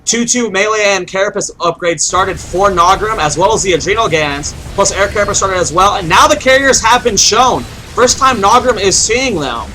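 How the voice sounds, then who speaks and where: A man's voice: high-pitched, expressive, normal speed, hardly any pauses, pushed and bright, slight background noise, rough recording. A young man giving solo play-by-play commentary on a strategy game match, rambling and thinking aloud with restarts. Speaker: game caster.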